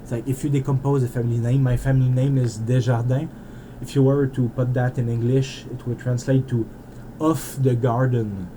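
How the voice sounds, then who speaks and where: A French Canadian man, French being his native language, rambles through a casual game developer vlog with audible background noise. His mid-range voice stays level at a normal speed. He interrupts himself and restarts sentences often.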